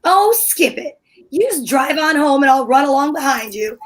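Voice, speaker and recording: In an amateur old-time radio play, a woman voices Liz, a fussy, dramatic housewife who comes across as huffy and exasperated. Her voice is high and animated, and she speaks at a moderate pace.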